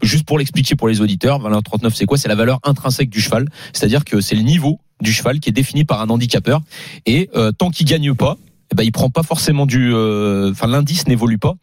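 A man's voice: mid-range voice, fast, darkish tone, no room sound, studio quality. Man explaining betting picks on radio. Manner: explains technical points, filler-heavy. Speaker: radio pundit on horse racing.

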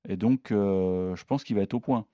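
A man giving tennis tips in casual chat, animated, with laughing asides and hesitant fillers. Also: on the low side, normal speed, dry recording, highs cut off. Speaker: tennis pundit.

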